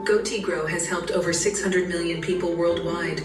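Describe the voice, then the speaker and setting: An actress playing a brash, mocking supplement announcer in a parody infomercial. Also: female voice, fairly low pitch, steady tone, moderate pace, lightly acted. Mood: brash, salesy. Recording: roomy distant playback with music.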